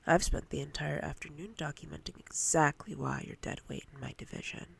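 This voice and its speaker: Her voice sitting low and exaggerated, a woman portrays a predatory, domineering female boss in intimate ASMR roleplay. She speaks breathily, often whispering, with a slow, commanding, teasing menace that feels stern and intimidating.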